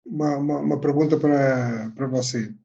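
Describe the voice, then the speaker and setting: A man from South Africa raised by Portuguese parents, with a European Portuguese accent, asking an interview question haltingly. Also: medium pitch, fairly even intonation, vocal fry, warm tone, muffled recording. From South Africa, then Portugal. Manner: halting, repeats words while asking.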